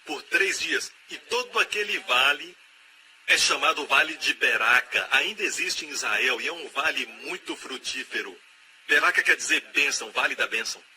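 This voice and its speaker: Brazilian man dubbing a preacher, emphatic, pitched a touch high, clear background noise. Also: moderate pace, low-quality recording. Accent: Brazilian Portuguese. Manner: emphatic preaching, rising to loud repeated exhortations. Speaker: voice-over interpreter of a preacher. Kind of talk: dubbed sermon.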